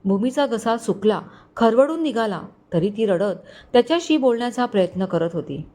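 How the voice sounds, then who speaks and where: A woman's voice: fairly high pitch, expressive, moderate pace, warm tone. Woman narrating a romantic suspense story.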